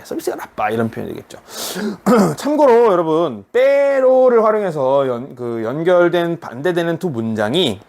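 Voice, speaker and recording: A Korean man teaching a beginner Spanish lesson, explaining grammar step by step and reading example sentences slowly. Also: fairly high pitch. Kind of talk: online language lesson.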